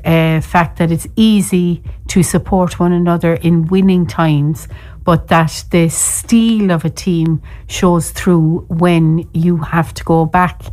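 A middle-aged woman with a Cork Irish accent, telling stories in a lilting, unhurried storyteller's way with chatty asides. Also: on the low side, mellow. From Cork, Ireland. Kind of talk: oral storytelling with chatty introduction.

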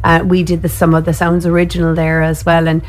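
A woman's voice: lowish voice, completely flat delivery, a little fast, poor audio. A woman hosting a radio interview, asking long rambling questions in an effusive, chatty way. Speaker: radio host. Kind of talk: casual interview.

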